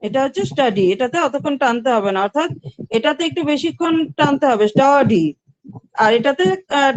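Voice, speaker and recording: A high-pitched woman teaches English pronunciation in an online class. She speaks patiently, repeats each word and spells it out letter by letter, recorded dry and close. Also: dry recording, low-quality recording.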